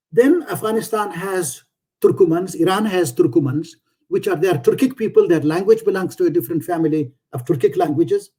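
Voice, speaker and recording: A man giving an informal lecture who stops and repeats words often and fills pauses with "uh". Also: high-pitched, dark tone, husky. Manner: halting, repeats words, many fillers.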